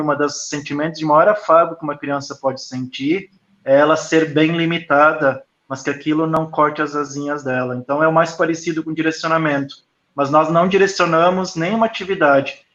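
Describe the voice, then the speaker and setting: A man speaks in a thoughtful, explanatory way as an interview guest, pausing often as he works through his answers. His voice sits a little high. The sound is roomy and echoing, and the audio is dull and lo-fi, like a video call. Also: a bit bright. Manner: reflective, explanatory, with frequent pauses. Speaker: school founder, interview guest.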